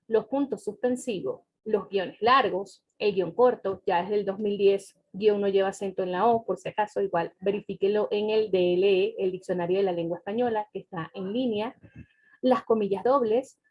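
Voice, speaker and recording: A woman's voice: mid-range voice, normal speed, dull audio. A woman teacher giving a recorded grammar lesson, explaining step by step and checking in with her students.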